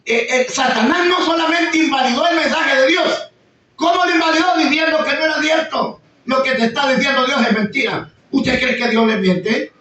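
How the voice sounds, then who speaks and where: A man preaching a sermon, bursting into sudden high exclamations and acting out quoted voices. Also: normal speed, bright, forceful tone. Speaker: pastor. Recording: echoey far-off room mic, slightly dull, faint noise.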